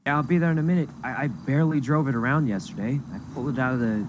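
A man's voice: mid-range voice, very fast, noisy background, close to an everyday voice. A man playing a hesitant, sleepy crew member. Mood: sheepish. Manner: hesitant, lots of ums and stammers. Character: sleepy, easygoing young male crew member. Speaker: role-play player.

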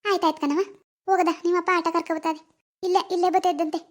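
A woman's voice: very high-pitched, level tone, fast. A woman voicing an anxious village mother in a cartoon, soothing and fussing. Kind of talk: cartoon voice acting.

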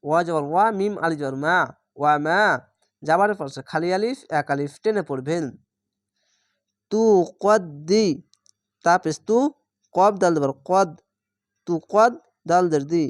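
A woman teaching Quran reading from Bangladesh, spelling each syllable slowly, then blending it into the whole word. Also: fairly low pitch, dry recording, studio quality. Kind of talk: slow spelled-out recitation lesson.

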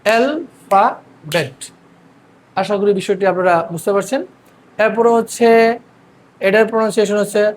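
A man's voice: high voice, a little hiss or hum. A man teaching English pronunciation, explaining step by step and drawing out each word syllable by syllable. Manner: repeats words slowly and drawn out, syllable by syllable. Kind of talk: explanatory lesson.

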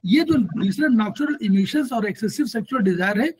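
High-voiced man teaching patiently. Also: lively intonation, fairly quick, darkish tone, a little hiss or hum, rough recording. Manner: patient, repeats points for emphasis. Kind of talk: classroom explanation.

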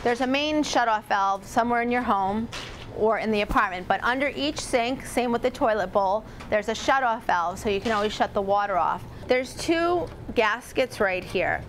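A woman's voice: fairly high pitch, lively intonation, moderate pace, a bit bright, slight background noise. A woman in her forties giving a casual home repair demonstration to a small audience in a store, speaking into a lapel mic. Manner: chatty, casual, talks directly to the audience. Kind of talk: live workshop demonstration.

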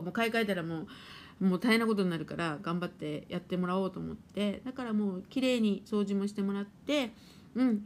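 A woman's voice: mid-range voice, a little mellow, a little hiss or hum. A middle-aged woman hosting a casual live stream, chatting and laughing as she reads viewer comments and playfully acts out her washing machine. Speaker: live-stream host and spiritual therapist.

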